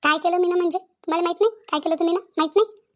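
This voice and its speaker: A woman's voice: very high voice, rapid-fire. A woman voicing a chatty young sister-in-law in a village cartoon, bickering and confronting.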